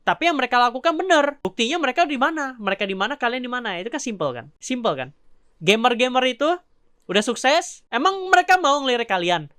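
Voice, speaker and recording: A woman vlogger rants in Jakarta slang, swearing freely and scolding her audience. Her voice sits a little high for a woman. The recording is dry, with no room sound. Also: big pitch swings, fast talker, a bit bright, no echo. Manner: blunt, profane, scolding. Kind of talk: ranting commentary.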